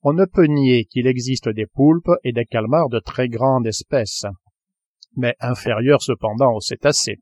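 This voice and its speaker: A man's voice: mid-range voice, a little mellow, no echo. Male audiobook narrator, dry and close. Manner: measured, literary storytelling. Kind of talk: scripted narration.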